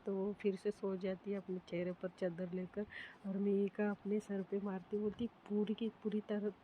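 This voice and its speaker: A woman's voice: mid-range voice, level tone, moderate pace, phone-quality sound, slight background noise. A woman casually narrating a love story, chatty, with frequent fillers.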